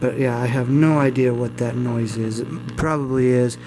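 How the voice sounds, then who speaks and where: In poor audio, a hobbyist video host with a medium-pitched voice talks at a moderate pace through a hands-on demo. He sounds informal and easygoing, rambling slightly and running himself down a bit. Behind him there's a steady mains hum with room noise, plus electrical hum and faint static.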